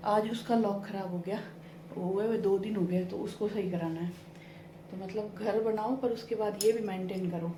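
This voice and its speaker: A woman's voice: mid-range voice, steady tone, normal speed, background noise. A woman in her thirties with a Rajasthani Hindi accent, chatting casually to her viewers as she does chores around her home. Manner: chatty, talks to viewers while doing chores; whispering so her sleeping husband is not woken. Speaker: vlogger. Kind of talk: casual home vlog chat.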